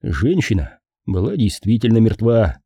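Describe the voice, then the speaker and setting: A man's voice: lowish voice, very animated, measured pace, mellow, slightly rough, no room sound, heavily acted. A man voicing a sardonic, hard-drinking male private detective with a dry, mocking manner, in an audiobook reading.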